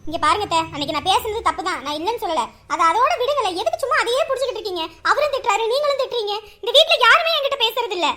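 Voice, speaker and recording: Brief: resentful young wife in a family drama, fast, defensive complaints. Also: female voice, very high-pitched, animated, sharp tone, a little hiss or hum, full character voice. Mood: defensive pleading. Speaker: daughter-in-law in a family drama.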